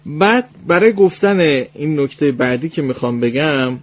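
A man's voice: on the high side, expressive. A man hosting a live call-in radio lesson, patiently and politely coaching a caller's Quran recitation by drilling single sounds.

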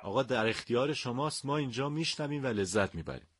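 Male radio host, mid pitch, dry studio, courteous and full of praise for his guest. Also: animated, fairly bright tone, breathy edge, dry recording. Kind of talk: radio interview.

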